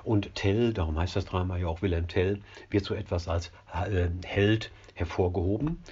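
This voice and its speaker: A man teaching a classic play scene by scene, in a measured, explanatory way with frequent hesitations, on a dull lo-fi recording. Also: low voice, a little mellow, breathy edge.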